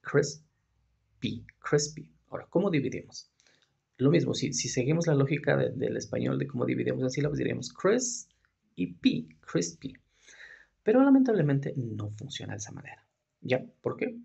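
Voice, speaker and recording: Husky gravelly male English teacher. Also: medium pitch, big pitch swings, fast talker, warm tone, dull audio. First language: Spanish. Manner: explanatory, rhetorical questions, checks in with "¿ya?" and "¿no?". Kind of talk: explaining a grammar lesson.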